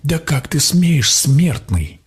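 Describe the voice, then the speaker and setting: A man voicing a proud, trapped male water spirit with a gurgling, grunting voice, speaking slowly and drawn out. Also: mid-range voice, darkish tone, slightly rough, pitched above the performer's own voice. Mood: indignant. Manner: pleading then haughty, drawn-out slow speech.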